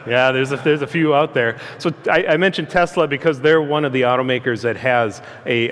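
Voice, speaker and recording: A man giving an informal public presentation through loud speakers, speaking in a halting, conversational way as a guest speaker. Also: mid-range voice. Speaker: guest speaker, transportation engineer. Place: large room, speaking through a PA system. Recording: hall reverb, amplified through loudspeakers.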